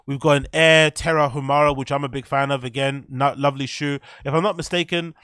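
A man's voice: mid-range voice, steady tone, fairly quick, fairly bright tone, clear, resonant tone, no room sound, clean studio sound. A man giving casual, unscripted, opinionated sneaker commentary with slang and swearing. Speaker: sneaker reviewer.

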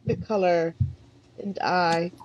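A woman co-hosting a casual podcast chat, stuffy with allergies, animated and expressive. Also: on the low side, slight background noise. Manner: animated, expressive, drawn-out affirmations. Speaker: podcast co-host, eyewear professional. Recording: dull dry lo-fi mic.

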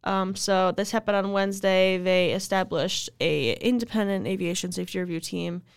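A woman's voice: mid-range voice, steady tone, normal speed, creaky, smooth, dry recording, studio quality. A young woman co-hosting an aviation podcast, chatting and reading out news items. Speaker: podcast co-host. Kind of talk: casual podcast chat.

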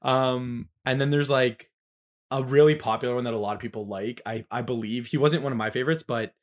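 Animated man chatting about games. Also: mid-range voice, a little fast. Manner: animated, acts out game characters' lines with laughs. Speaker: podcast co-host. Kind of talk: casual chat about video games.

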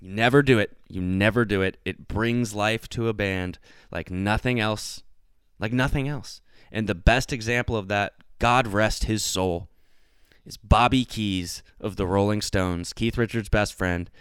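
A young man hosting a podcast, chatting casually and enthusiastically with quick asides and the odd swear. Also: lowish voice, steady tone, a bit bright, clean tone, dry recording, clean studio sound. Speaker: podcast host. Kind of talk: casual chat.

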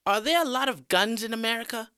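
A man voicing a curious student in a spoken story, high and quick. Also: sharp tone, clean tone, no echo, studio quality. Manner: quick and eager.

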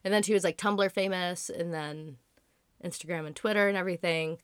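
A woman in her twenties hosting a podcast in a casual solo chat, hoarse from being sick, rambling and chatty with lots of "like" fillers. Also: on the low side, steady tone, a little fast, no room sound, studio quality. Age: 20s. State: hoarse from illness. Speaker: podcast host.

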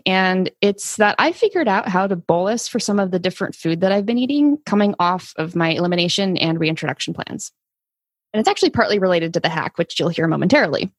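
A woman presents a podcast in a conversational style. Her voice sits at a middle pitch and is recorded dry, with very little room sound. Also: no room sound. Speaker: podcast host.

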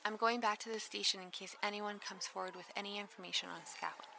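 An earnest policewoman acted by a woman in an audio drama. She reports matter-of-factly in a mid-pitched, gravelly voice over clearly noisy ambience. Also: fairly even intonation, fast talker, close to an everyday voice. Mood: earnest, concerned. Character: earnest, helpful female police officer.

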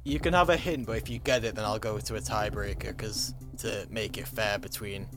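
A man's voice: fairly low pitch, brisk, over music. A man hosting a podcast and running a quiz round, teasing the players in a dry way. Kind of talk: casual quiz chat.

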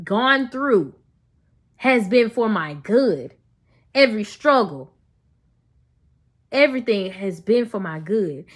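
A woman's voice: on the high side, a bit bright. A woman, talking earnestly and casually about faith and healing as a podcast host, often restarting her sentences. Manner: earnest, addresses listeners as "y'all", many restarts. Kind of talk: faith-based personal talk.

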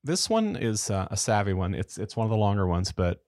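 An American man hosting a casual podcast, reading a horror story aloud with a lively, animated delivery. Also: lowish voice, brisk, dry recording, clean studio sound.

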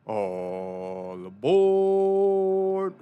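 A man calling out a train-station style announcement through a megaphone, loud and drawn out. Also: high-pitched, sing-song, very slow, a little hiss or hum. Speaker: motivational podcast host.

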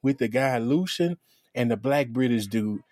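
A man's voice: medium pitch, normal speed, dry recording, clean studio sound. A man co-hosting a casual sneaker podcast, ranting with lots of profanity and mocking impressions. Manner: animated, profane, mocks others in exaggerated voices. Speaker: podcast co-host.

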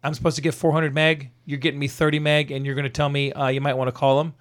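A man with a hoarse voice chatting casually and bluntly as a podcast co-host. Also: fairly high pitch, level tone, fast talker. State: hoarse, can barely talk. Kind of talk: casual banter.

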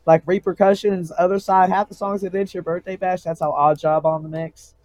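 This is a man with a fairly high voice for a male speaker. He talks in a slangy frat-bro manner, swearing often and keeping it casual, as a rapper guest in a conversation. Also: flat delivery, fairly quick, a little mellow. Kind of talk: casual chat.

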